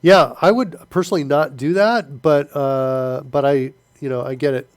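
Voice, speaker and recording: A man with a stuffy nose hosts a live coding stream, chatting loosely with viewers and answering chat as he works, full of fillers. His mid-range voice moves at normal speed, clear and resonant, with no room sound.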